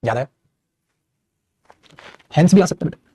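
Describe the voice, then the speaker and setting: A man teaching English grammar in a lecture, calling students "beta", who slows down to read each exam sentence aloud. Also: a little high, animated, dark tone, slightly rough, no room sound. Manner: calls students "beta", reads sentences slowly. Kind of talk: exam error-spotting lesson.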